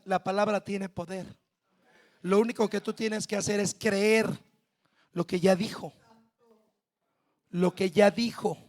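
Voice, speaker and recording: A male pastor with a Mexican Spanish accent preaching a sermon, speaking straight to the congregation and building to shouted peaks. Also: high voice. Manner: preaching with shouted climaxes and direct address to the congregation.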